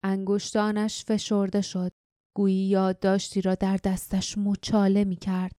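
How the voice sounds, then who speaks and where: Woman narrating an audiobook in a mellow voice. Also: medium pitch, no echo, clean studio sound. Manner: steady, measured storytelling.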